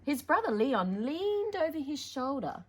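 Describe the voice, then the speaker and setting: A woman hosts storytime, reading picture books playfully and theatrically with dramatic emphasis and chatty asides to young listeners. Her voice sits high, swings widely in pitch, and runs a little slow.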